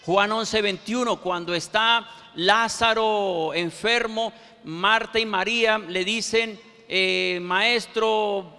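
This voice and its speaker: A man preaching a sermon, quoting scripture verses with slow, emphatic pauses. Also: high voice, steady tone, pushed and bright, clean tone. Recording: reverberant hall.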